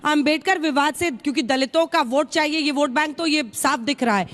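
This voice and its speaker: A woman's voice: sits high, a bit bright. A woman anchoring a television news debate, moving the discussion along and firmly stopping interruptions. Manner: brisk and firm, cutting in to keep order. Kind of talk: moderating a TV debate.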